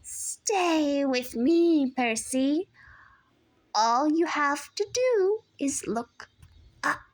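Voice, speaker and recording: Sweetly menacing old female monster, put on by a woman narrator; soothing purr, high and slow, storybook read. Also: expressive, exaggerated voice. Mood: coaxing.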